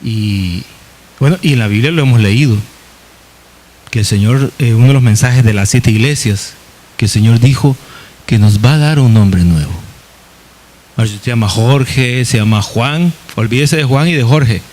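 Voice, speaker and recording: A male pastor giving a casual, folksy Bible-study sermon. He keeps turning to his listeners as "brother" and stumbles through restarts and fillers. His pitch jumps up high and drops back low as he tells his story. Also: moderate pace, a little hiss or hum. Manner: lively pitch swings, rising high in places.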